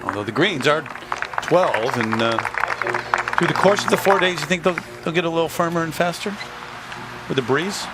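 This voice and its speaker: A man's voice: a little high, expressive, normal speed, long pauses, loud music behind the voice, a loud crowd. A man giving live golf commentary as a broadcast commentator.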